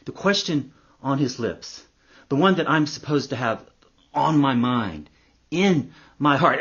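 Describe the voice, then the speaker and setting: A man's voice: on the high side, slightly rough, highs cut off, full character voice. An actor playing an embittered, vindictive middle-aged man in a sardonic, profane monologue. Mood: hushed, wry. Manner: sardonic and profane, hushed storytelling turning to loud ranting. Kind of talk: acted dramatic monologue.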